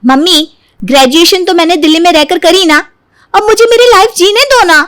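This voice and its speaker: A woman's voice: sits high, expressive, fairly quick, no echo, clean studio sound. A woman voicing a touchy, defiant young woman who snaps and whines when she talks back. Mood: pleading. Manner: snappish, whiny, talks back.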